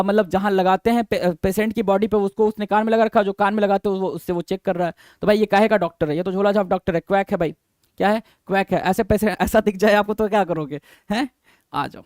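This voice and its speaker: A male exam vocabulary teacher lectures in a high, clear, slightly mellow voice with a dry, close sound and no room echo. He drills words through repetition, quizzes viewers whom he calls "bhai," and reads English definitions slowly before explaining them.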